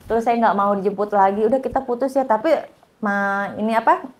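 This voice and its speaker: A woman with a somewhat high voice tells a personal story as an interview guest. She talks casually and haltingly, full of fillers and restarts, and shifts into a much higher voice when she quotes others.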